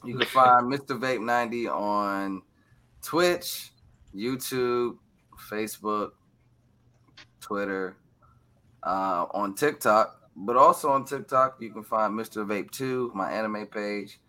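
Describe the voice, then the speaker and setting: A man's voice: fairly low pitch, slow, bright, forceful tone. A man chatting casually on a panel as an online creator, frank and slangy, with some swearing. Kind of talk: casual group chat.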